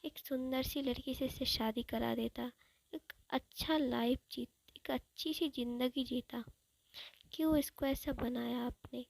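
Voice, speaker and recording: A woman's voice: high-pitched, steady tone, a little slow, vocal fry, no room sound, full character voice. A woman doing a fussing old grandmother. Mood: fond. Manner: fussing, chiding. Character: older grandmother, scolding but loving.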